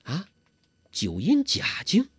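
An honest young disciple, voiced by a man in a storybook telling, plain and respectful, asking questions of his master. The voice is husky with lively swings in pitch. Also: unhurried, no echo, clean studio sound, full character voice. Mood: earnest. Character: earnest, simple-hearted young male disciple.

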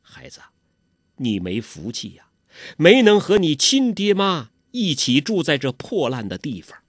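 A sorrowful middle-aged mother in a spoken storybook, gentle and drawn-out in her speech, played by a male storyteller. The voice is a little husky. It sounds dry and close. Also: a little high, wildly swooping pitch, no echo, exaggerated voice.

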